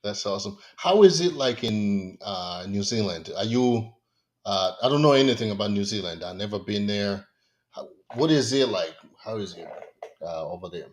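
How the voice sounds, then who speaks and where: Chatty podcast host, eager and loose. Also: male voice, on the low side, animated, moderate pace. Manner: enthusiastic, loose phrasing with fillers. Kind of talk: casual interview talk.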